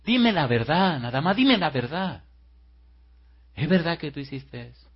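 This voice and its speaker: A man's voice: on the high side, expressive, fast, breathy edge, voice pushed up. A pastor voicing a young woman who presses and pleads, with a slightly raised voice. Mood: pleading. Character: young woman, insistent and emotional. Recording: muffled lo-fi recording.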